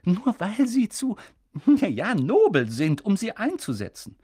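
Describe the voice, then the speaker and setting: A man doing soft-spoken old wizard Dumbledore. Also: high voice, slightly rough, no echo, studio quality, voice pushed up, heavily acted. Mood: calm. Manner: soft, calm, slow. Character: wise, gentle elderly male headmaster wizard. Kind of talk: audiobook character voice.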